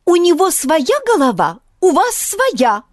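Woman playing a sparrow, male, fussy, educated, nervous, shrill, swooping pitch. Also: wildly swooping pitch, slow, no room sound, clean studio sound, exaggerated voice. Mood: indignant. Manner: shrill, indignant exclamations.

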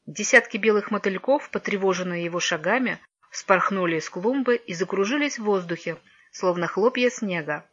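A woman narrating a children's story in an even, measured reading voice, on a dull lo-fi recording. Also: mid-range voice, husky. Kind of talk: audiobook narration.

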